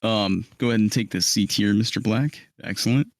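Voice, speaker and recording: Brief: low-voiced man running a live tabletop game, steady directions, dry close sound. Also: brisk, no room sound. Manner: calm, directive, frequent ums. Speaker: game master. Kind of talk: briefing players for a live tabletop role-play. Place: live stream.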